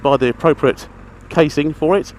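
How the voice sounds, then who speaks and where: A man with a fairly high but darkish-toned voice talks at a moderate pace, giving a casual, rambling gear review from his motorbike. The recording is low quality, made on a helmet mic outdoors with engine, traffic and outdoor noise.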